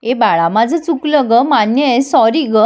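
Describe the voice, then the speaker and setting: A woman's voice: on the high side, expressive, measured pace, a little mellow. A woman voicing a worried, doting mother who coaxes her grown daughter tenderly but stubbornly, in a retold TV serial scene. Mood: coaxing.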